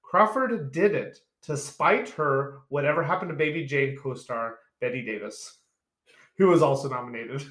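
A man's voice: fairly high pitch, moderate pace, fairly bright tone, echoey room. A man co-hosting a casual podcast chat, reading out film trivia and laughing often. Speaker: podcast co-host.

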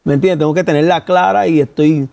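A man with a Puerto Rican Spanish accent hosting a casual talk show interview in a studio with a live audience, lively and hyped at first, then softer and respectful. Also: a little high, fairly quick, creaky.

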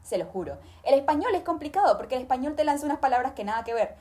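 A woman's voice: high-pitched, lively intonation, rapid-fire, a little mellow. A woman talking casually and emphatically, giving listeners tips and speaking to them directly. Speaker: language tips presenter. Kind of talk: casual advice monologue.

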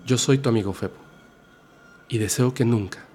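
A man narrating a horror story in a slow, hushed, dramatic way as the show's storyteller. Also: medium pitch, a little hiss or hum. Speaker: storyteller host.

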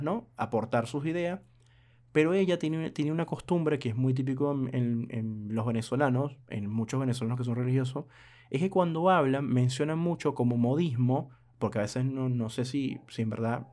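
A man's voice: medium pitch, a little mellow. A young man chatting casually to his viewers, telling a personal story in a rambling way with many hesitations and asides. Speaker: vlogger.

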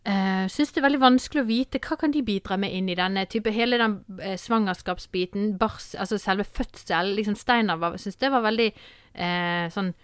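A woman's voice: medium pitch, hardly any pauses, smooth, no room sound, clean studio sound. A woman hosting a podcast in casual chat, rambling and often asking "sant?". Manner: warm, rambling, repeats words and says "sant?" often. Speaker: podcast host.

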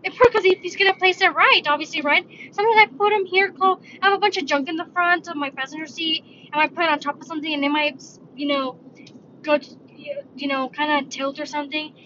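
A woman's voice: high voice, steady tone, quick pace, pushed and bright. A woman hosting a podcast, talking casually on her own from her car, rambling and correcting herself as she goes. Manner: rambling, self-correcting, chatty. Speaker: podcast host. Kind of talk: casual solo talk. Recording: dull lo-fi sound with faint noise.

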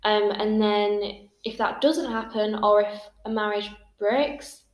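A woman's voice: medium pitch, steady tone, takes it slowly. A 21-year-old woman from England, hosting a casual podcast chat and talking in a friendly, rambling way. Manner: chatty, laughs often, uses "like" a lot. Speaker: podcast host. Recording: roomy echo.

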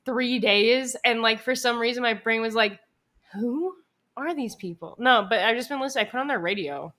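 Bright-voiced woman, rambling podcast chat. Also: a little high, fairly quick. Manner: rambling, filler-heavy storytelling. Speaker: podcast co-host. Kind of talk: casual chat. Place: living room.

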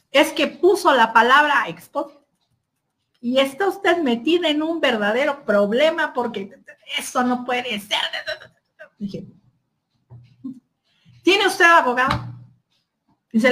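Mexican woman, podcast guest, lively storyteller, fairly high voice, acts out the people she quotes. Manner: animated, quotes others, frequent "o sea" fillers. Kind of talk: casual storytelling.

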